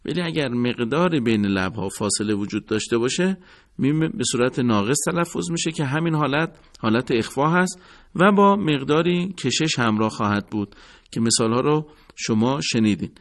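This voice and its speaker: A man teaching Quran recitation rules in a measured, formal way, repeating each rule. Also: mid-range voice, lively intonation. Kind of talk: recorded tajwid lesson.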